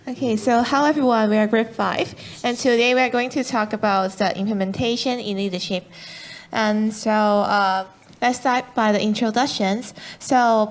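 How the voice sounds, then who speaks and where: A nineteen-year-old woman, a student presenting on a panel and explaining earnestly with some fillers. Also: on the high side. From Hong Kong. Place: university auditorium. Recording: echoey auditorium, distant mic, noisy.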